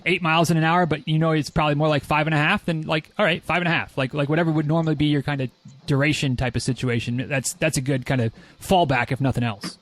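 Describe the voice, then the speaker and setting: A man's voice: fairly high pitch, fairly even intonation, fast talker, fairly bright tone, no room sound. An American man hosting a casual podcast chat, rambling and jokey, often repeating himself as he goes. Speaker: podcast host.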